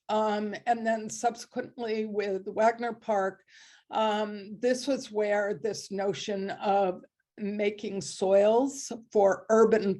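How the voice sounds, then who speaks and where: A woman giving a presentation on a park's design, hoarse and coughing, speaking deliberately with frequent pauses. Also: mid-range voice, a little mellow. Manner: slow and deliberate, with many ums. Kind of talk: online presentation.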